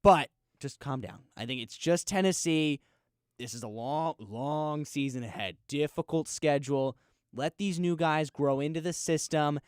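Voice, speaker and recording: A man hosting a casual sports radio show from a studio, telling listeners to calm down in an easygoing way. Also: a little high, measured pace, clear, resonant tone, no echo. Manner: laid-back, urging everyone to calm down. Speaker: radio sports talk host. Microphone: studio microphone.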